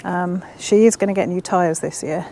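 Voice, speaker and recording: A woman's voice: fairly low pitch, normal speed, gravelly, dark tone. A chatty woman talks as she works on her motorbike in a home garage. She reads instructions aloud and pokes fun at herself. A faint noise hums in the background. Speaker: motovlogger. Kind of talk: casual chat while working on a motorbike.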